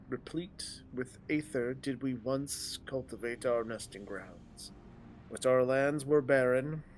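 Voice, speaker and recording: A man's voice: mid-range voice, slight background noise, close to an everyday voice. A man voicing a weary ancient male dragon in a game, speaking in grave archaic lines and stumbling now and then as he reads them cold. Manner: archaic solemn delivery with stumbles from reading on the fly.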